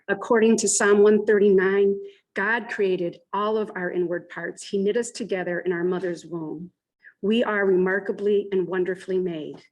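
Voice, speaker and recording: Breathless older woman rushing a public comment. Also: medium pitch, low-quality recording. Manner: rushed, talking as fast as she can. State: short of breath. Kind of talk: public comment at a school board meeting. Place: school committee meeting room.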